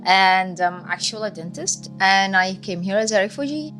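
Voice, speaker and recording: A woman's voice: medium pitch, lively intonation, moderate pace, fairly bright tone, rough recording. A woman in her thirties from Sudan, a refugee teacher, speaking candidly and earnestly about her life. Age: 30s. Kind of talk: personal testimony. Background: guitar music.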